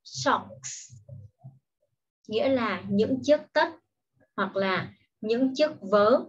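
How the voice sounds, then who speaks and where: A woman gives a children's English lesson at a very unhurried pace, her voice a little husky and fairly high. She explains every word first and then says the English word carefully, often twice. The recording is dull and lo-fi. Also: animated. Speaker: primary school English teacher. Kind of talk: slow, patient online lesson for young children.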